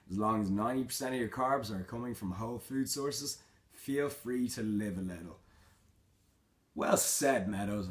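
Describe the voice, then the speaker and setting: A young man in a casual Q&A vlog, reading out questions and answering them in an informal, matter-of-fact, slangy way. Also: mid-range voice. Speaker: fitness vlogger.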